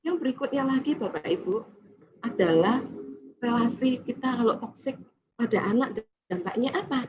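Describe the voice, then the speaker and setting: Woman, parenting seminar talk, lively, lo-fi muffled sound. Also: fairly high pitch, moderate pace. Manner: lively, addresses the audience often, acts out family scenes. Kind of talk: presentation to parents. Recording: dull lo-fi recording with faint noise.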